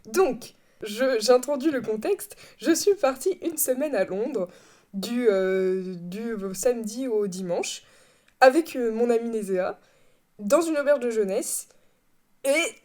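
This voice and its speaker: A woman's voice: a little high, animated, takes it slowly, warm tone. A young woman from France hosting her own podcast, talking in a rambling, chatty way with frequent laughs and self-corrections at home. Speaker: podcast host. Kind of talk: casual chat. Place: home room.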